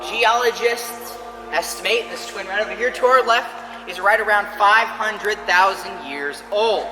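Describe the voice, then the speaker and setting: A woman's voice: mid-range voice, unhurried, music in the background. A woman giving a guided tour to a group inside a large cave, explaining things and often repeating "very, very" for emphasis, her voice echoing off the cave walls. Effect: cave echo, long reverberation. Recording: echoey cave with long reverb.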